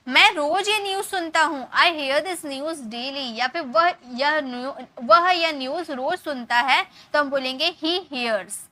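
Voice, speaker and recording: Bright, high-voiced woman teaching English grammar. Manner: explains step by step, checking in with "ठीक है" and "okay"; reads English example sentences slowly and deliberately. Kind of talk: Hindi-language English grammar lesson.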